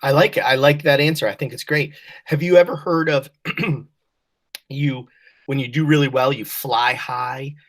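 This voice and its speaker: Leading an online class over a video call, a woman with a very deep voice prompts and praises her pupils patiently and encouragingly. Her tone is steady and her pace moderate, with the audio coming through a video-call microphone.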